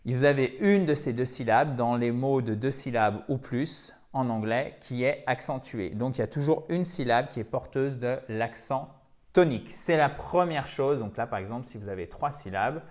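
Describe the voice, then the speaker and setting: A man explains English pronunciation in a lively, teacherly way, stepping through examples one at a time. His voice sits in a middle pitch. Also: normal speed.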